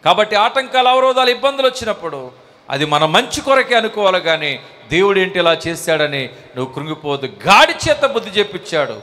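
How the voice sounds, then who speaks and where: A male pastor preaching a sermon with fervor and shouted climaxes. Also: high voice, very animated, quick pace. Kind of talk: Telugu sermon.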